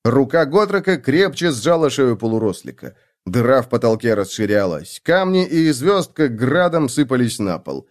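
Expressive male narrator for an adventure audiobook, animated delivery. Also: mid-range voice, normal speed, few pauses. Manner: lively, expressive reading. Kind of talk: scripted narration.

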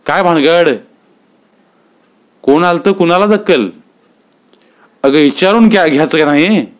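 A man voicing a gruff village husband who shouts and scolds. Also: on the high side, measured pace, voice pushed up, lightly acted. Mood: scolding.

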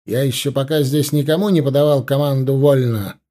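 A man's voice: medium pitch, steady tone, a little fast, mellow, lightly acted. A man voicing a strict young male ensign who barks orders with scorn. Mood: barking.

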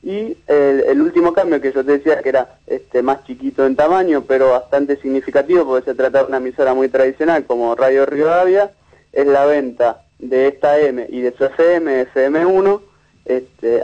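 A man, a media researcher giving a measured, analytical interview with frequent restarts. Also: mid-range voice, warm tone, highs cut off.

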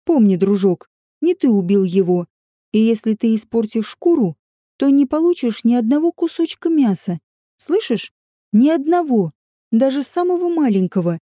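A bold young huntress from a storybook adventure, commanding and sharp, snapping out quick exclamations, as a woman reader puts her on. Her voice sits fairly high but has a dark, warm tone, and the recording is dry and close. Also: lively intonation, no echo. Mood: scolding.

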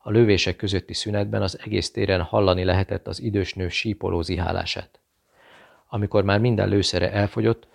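A man reading a novel aloud as an audiobook narrator, in a steady, measured delivery. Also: sits low, gravelly.

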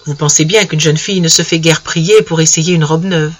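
A man narrating a classic literary story in a measured, expressive reading style. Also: fairly high pitch. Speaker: audiobook reader.

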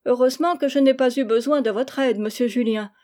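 A spoiled, willful little girl pleads and demands in a raised, whiny voice. Her tone stays soft and mellow despite the insistence, as a woman reader puts her on. The reading is an audiobook. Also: on the high side, brisk, voice pushed up, close to an everyday voice. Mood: pleading.

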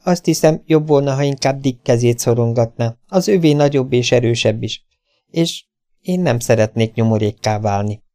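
A man's voice: mid-range voice, fairly even intonation, a little mellow, no echo, studio quality, pitched above the performer's own voice, natural voice. A man voicing a playful, mocking seventeen-year-old girl in an audiobook. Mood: teasing. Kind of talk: audiobook character voice.

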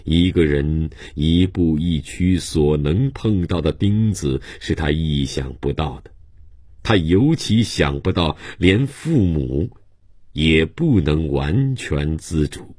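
A man narrating a literary novel as an audiobook in a calm, measured storytelling manner. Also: low voice, slightly rough, no echo, clean studio sound.

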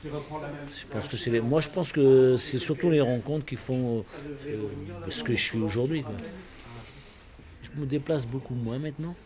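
A man's voice: medium pitch, crowd noise. A man in his sixties, born in Portugal with Portuguese as his first language, talking hesitantly and reflectively about his life in an interview. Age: 60s. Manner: reflective, hesitant, halting with restarts. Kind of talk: casual spoken recollection. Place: bar.

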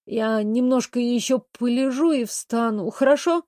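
A woman's voice: a little high, normal speed, dark tone, no echo, studio quality, natural voice. A woman voicing a coarse, blunt young woman trapped in a princess's body, who swears and grumbles. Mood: grumbling.

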